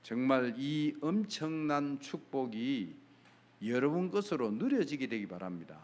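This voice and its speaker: A middle-aged pastor with a Gyeongsang Korean accent preaches a sermon at an unhurried pace in a medium-pitched voice. He is animated and emphatic, swinging between soft and loud and acting out snippets of dialogue.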